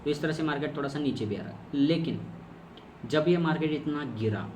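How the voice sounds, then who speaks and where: Expressive and a little fast, this man's slightly high, slightly mellow voice guides a screen-recorded chart lesson on trading strategy. As a course instructor he goes step by step, repeating key terms and questioning himself, captured on a distant mic in an echoey room with faint noise.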